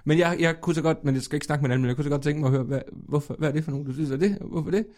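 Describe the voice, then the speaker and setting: Lively, laughing male comic guest. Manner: lively storyteller, laughs often, pitch leaps up. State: sore, strained voice. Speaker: guest comedian. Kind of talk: casual podcast chat.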